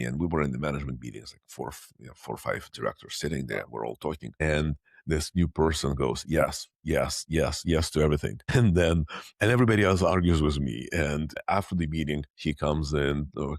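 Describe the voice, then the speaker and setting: A middle-aged man from Ukraine hosting a podcast interview, telling animated stories and asking open questions. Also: a bass voice, gravelly, no room sound, clean studio sound. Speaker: podcast host. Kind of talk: conversational interview.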